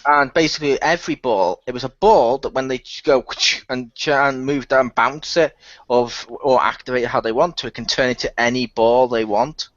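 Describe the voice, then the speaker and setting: In a dull, lo-fi recording with dry sound and no room ambience, a man talks at normal speed in a mid-range, fairly bright voice. As a cast member of an audio drama, he keeps the chat casual, ribbing his castmates and laughing often.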